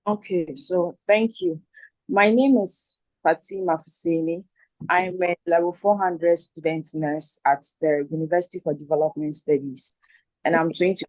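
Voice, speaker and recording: A woman's voice: on the low side, steady tone, moderate pace, darkish tone, no room sound, poor audio. Young woman, dry close sound. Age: 20s. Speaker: contestant. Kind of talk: introducing herself. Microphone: video call.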